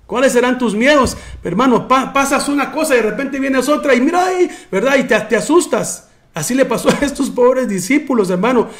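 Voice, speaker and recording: High-voiced man preaching a sermon. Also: expressive, fairly quick, hardly any pauses. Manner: preaching with repeated "hermano" and restarts. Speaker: pastor.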